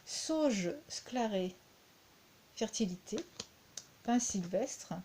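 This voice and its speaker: Slow, mellow-voiced French woman. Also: mid-range voice, lively intonation, a little hiss or hum. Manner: hesitant, many fillers and repeated words. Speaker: card deck reviewer. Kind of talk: unhurried spoken review.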